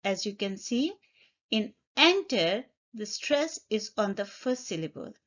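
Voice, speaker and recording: A woman teaching an English grammar lesson, speaking deliberately, spelling out letters and repeating each example. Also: medium pitch, animated, a bit bright. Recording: slightly dull lo-fi recording.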